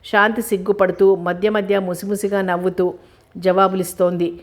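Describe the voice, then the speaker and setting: A woman narrating a novel in a measured storytelling manner. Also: mid-range voice, little pitch movement. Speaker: audiobook narrator.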